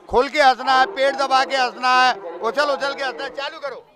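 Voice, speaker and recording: A man with a Gwalior-area Hindi accent hosting a street game at a fair, briskly counting and cheering people on. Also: very high-pitched, steady tone. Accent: Hindi, Gwalior region. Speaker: fair show host. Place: outdoors at a busy fair. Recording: noisy outdoor crowd. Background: crowd chatter.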